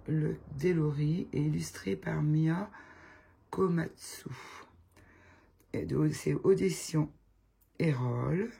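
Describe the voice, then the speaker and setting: A woman's voice: low voice, gravelly, warm tone, slightly rough. A woman with a cold chatting casually to her viewers at home, fondly showing off new items she loves. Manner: chatty, fond, gushing over the items. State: has a cold, voice affected. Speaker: tarot channel host. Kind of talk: casual show-and-tell chat to viewers.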